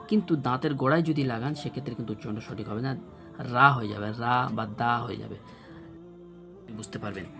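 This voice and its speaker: A man teaching Quran reading, drilling Arabic letters slowly with many repetitions. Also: mid-range voice. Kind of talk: slow recitation lesson.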